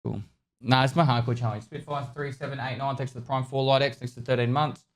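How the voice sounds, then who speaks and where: A man's voice: mid-range voice, steady tone, fast. An Australian man streaming a game over a headset mic, chatting casually and trailing off with hesitations as he thanks viewers. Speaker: gaming streamer. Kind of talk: casual livestream chat while gaming. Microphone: livestream headset mic.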